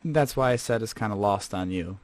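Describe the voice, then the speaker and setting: A man with a lowish, natural voice speaks briskly on a dry recording. As host of a comedic podcast, he stays in character as a male scavenger, rambling casually and chattily with plenty of fillers.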